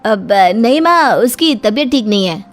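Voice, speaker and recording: A woman's voice: fairly high pitch, animated, moderate pace, faint music behind, natural voice. A woman voicing a tired, obedient young husband in a cartoon story, speaking mildly.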